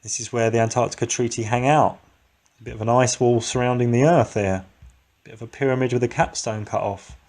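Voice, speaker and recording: A man with a mid-pitched voice talks casually and bluntly about his own experience. He keeps it plain and chatty, without polish. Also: steady tone, a little fast, darkish tone. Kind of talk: casual storytelling.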